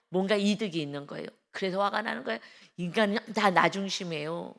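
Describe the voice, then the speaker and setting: A woman pastor delivering an early-morning devotional sermon in a mid-range voice with a gravelly, creaky edge. She preaches emphatically, lands her phrases with a drawn-out polite ending, and drops from loud exclamations to hushed asides. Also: mid-range voice.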